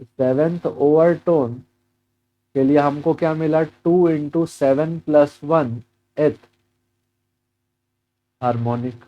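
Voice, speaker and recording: A man's voice: a little high, steady tone, drawn-out words, long pauses, muffled recording. A man walking through a physics exam problem as a teacher, mixing Hindi with English terms and asking and answering his own questions.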